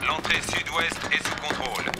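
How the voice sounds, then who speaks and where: An actor playing an urgent tactical unit commander in a film drama, giving clipped military orders. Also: male voice, a little high, fairly even intonation, moderate pace, over loud music, lightly acted. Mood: tense, commanding.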